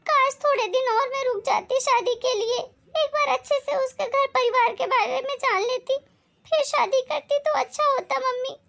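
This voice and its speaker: A tearful young daughter, begging forgiveness in a high, quavering voice, as a woman puts her on. She sobs and pleads between her words. Her pitch sits very high. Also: fairly bright tone. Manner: pleading, sobbing, apologetic.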